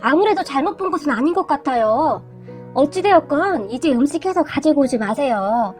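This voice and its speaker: A woman's voice: high voice, animated, normal speed, faint music behind. A woman voicing a kindly, worried male security guard in a read-aloud story. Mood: concerned. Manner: gentle, concerned.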